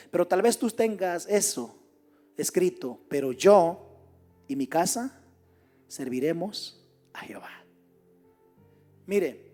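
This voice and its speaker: High-voiced preacher swinging loud and soft. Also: male voice. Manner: rhetorical questions, swings between loud emphasis and soft low asides. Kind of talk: sermon. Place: church.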